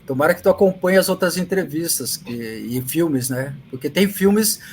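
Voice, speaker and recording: A man's voice: on the high side, expressive, normal speed, soft background music. A Brazilian-accented man hosting an interview in a casual, conversational way. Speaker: interview host. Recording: faint background noise.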